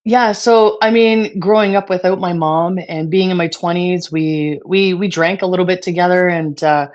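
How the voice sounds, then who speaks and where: A woman being interviewed, talking casually in a halting way with many fillers, at times choked up with emotion. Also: lowish voice, fairly even intonation, a little mellow, highs cut off. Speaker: guest.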